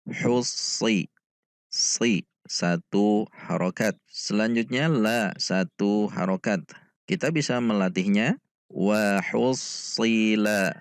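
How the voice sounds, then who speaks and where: A man with an Indonesian accent teaching Quran reading step by step, explaining each letter and then reciting slowly. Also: fairly low pitch, creaky, no room sound. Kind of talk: slow step-by-step tajwid lesson.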